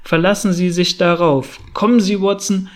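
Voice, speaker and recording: A man reading the part of a brisk, sharp-witted male detective who talks impatiently and commandingly, in an audiobook reading. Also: high-pitched, fairly even intonation, natural voice. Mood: lecturing.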